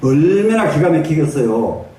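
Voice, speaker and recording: An older Buddhist monk with a slightly high, warm voice and wide pitch swings gives a folksy sermon at a moderate pace. He tells stories, chuckles and often asks his listeners to reply, recorded by a distant mic in a large, very echoey meditation hall.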